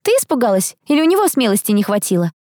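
A woman's voice: on the high side, big pitch swings, rapid-fire, darkish tone, dry recording, clean studio sound, voice pushed up. A woman voicing a nosy, teasing young female student in an audiobook. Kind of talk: audiobook character voice.

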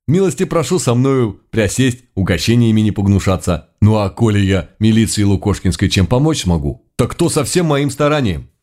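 A man's voice: lowish voice, big pitch swings, normal speed, few pauses, a little mellow, voice pushed up. Man doing a shrewd courtly governor. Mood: courteous. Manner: old-fashioned courtly speech, with a southern dialect touch. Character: shrewd, authoritative middle-aged male provincial governor.

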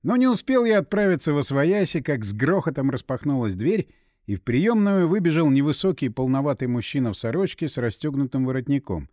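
A man narrating a first-person adventure audiobook in a brisk, expressive storytelling manner. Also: mid-range voice, no room sound, clean studio sound.

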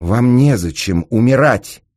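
A man's voice: mid-range voice, lively intonation, a little slow, a little mellow, pitched above the performer's own voice. A male reader voicing an earnest engineer, pleading urgently, in an audiobook.

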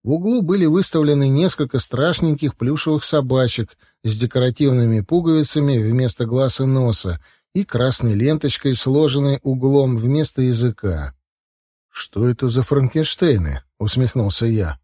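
A man reading a first-person audiobook with an even, wry storytelling manner, also voicing the hero's dialogue. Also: mid-range voice, moderate pace. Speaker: audiobook narrator.

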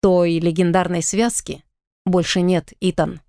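A woman voicing a calm, composed male lycan, the elder brother, in an audiobook. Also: sits high, gravelly, no echo, clean studio sound. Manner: calm, measured.

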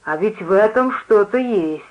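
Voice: medium pitch, animated, unhurried, close to an everyday voice. A reader voicing a tipsy male drunkard who heckles and argues mockingly, on a muffled lo-fi recording. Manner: mocking, argumentative.

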